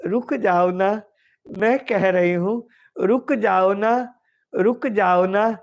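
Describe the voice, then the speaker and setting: A man's voice: very high voice, slow, muffled recording, full character voice. A male preacher voicing a lovesick young divine woman who begs her beloved to stay, repeating her pleas tearfully. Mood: pleading. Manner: tearful, repeats pleading words over and over. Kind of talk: devotional storytelling.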